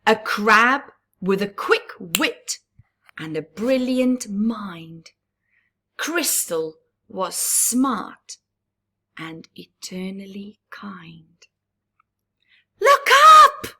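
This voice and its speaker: Reading a rhyming picture book to young listeners, a storybook reader with a medium-pitched, animated voice that sounds pushed and bright goes slowly, pausing to chat with the kids and slipping into breathy whispers.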